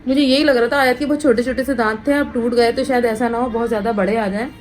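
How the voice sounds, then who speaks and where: A woman's voice: on the high side, fairly even intonation, fast talker, low-quality recording. Chatty mother vlogging at home. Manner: chatty, talks to camera and her kids. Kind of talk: casual home vlog chat.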